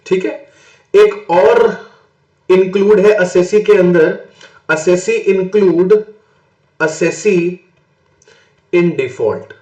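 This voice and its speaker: A man's voice: high-pitched, drawn-out words, pauses often, darkish tone. Man lecturing with rhetorical questions. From northern India. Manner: asks rhetorical questions and answers them himself; mixes English terms into Hindi explanation. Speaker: tax lecturer. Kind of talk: exam-prep classroom lecture. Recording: roomy echo.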